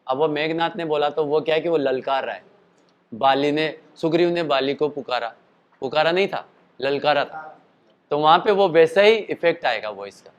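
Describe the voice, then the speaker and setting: The sound is lo-fi as a man with a fairly high voice teaches singing and voice use at normal speed. Chatty and explanatory, he goes on at length in this casual lesson and demonstrates calls and sung notes. His throat is tired from last night's show.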